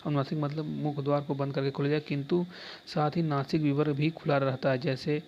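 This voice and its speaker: A man's voice: fairly high pitch, little pitch movement, fairly quick. A man teaching an exam-prep lesson, reading answers aloud step by step, often repeating terms and saying "dekhiye". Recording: slightly dull lo-fi recording with faint background noise.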